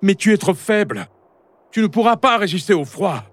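A man's voice: high voice, lively intonation, a little slow, no echo, pitched above the performer's own voice. A man reading a children's story, voicing a bold, stubborn youngster in a raised, insistent voice.

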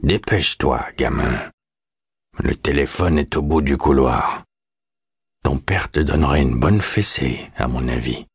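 Guy reading creepy old officer, super deep husky voice, cold measured threats, dry close sound. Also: dry recording, exaggerated voice. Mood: threatening. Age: older. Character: bitter old former officer, menacing and guarded.

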